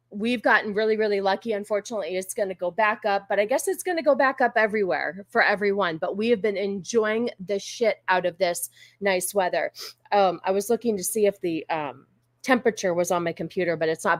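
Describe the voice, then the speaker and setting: A woman with a mid-range voice hosts a livestream, chatting casually with her live viewers, rambling and getting sidetracked easily. There's no echo on her voice.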